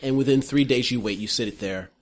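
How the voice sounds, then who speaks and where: A man improvising narration as game master of a tabletop game in a casual, excitable style. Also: medium pitch, fast, heavy background noise.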